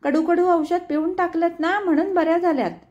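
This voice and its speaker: Lady doing a chatty young mom in a story, amused, high pitched. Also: fairly even intonation, brisk, darkish tone, lo-fi sound. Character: young mother, fond and chatty.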